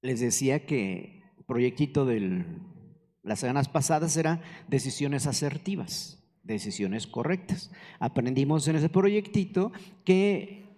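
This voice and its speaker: Older pastor preaching in a church hall. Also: male voice, on the high side, lively intonation, measured pace, dark tone. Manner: conversational preaching with questions to the congregation. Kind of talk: sermon.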